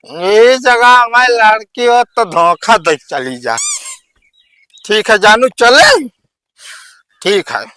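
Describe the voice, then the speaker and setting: Man acting comic village drunk, Awadhi accent, bright clear voice, rambling, slurred, argumentative. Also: sits high, sing-song, takes it slowly, pauses often, no room sound, exaggerated voice. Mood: cajoling. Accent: Awadhi, eastern Uttar Pradesh. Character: boastful, quarrelsome male village drunk on a bicycle. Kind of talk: amateur village comedy sketch acting.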